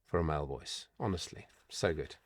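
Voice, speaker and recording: A man's voice: very deep voice, brisk, dry recording, clean studio sound. A middle-aged man working as a vocal coach, analysing a song and breaking into short sung demonstrations.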